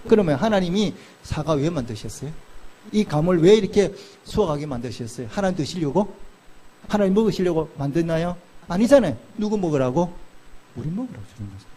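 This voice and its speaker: A man preaching a sermon as pastor, asking the congregation questions and answering them himself, moving between loud exclamations and soft, slow murmurs. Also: on the high side, a little hiss or hum.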